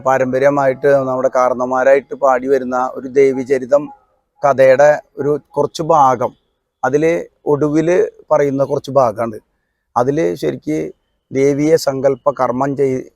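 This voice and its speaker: A man with a Kerala accent explaining and reciting traditional devotional verse in measured, halting phrases. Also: mid-range voice, darkish tone, no echo.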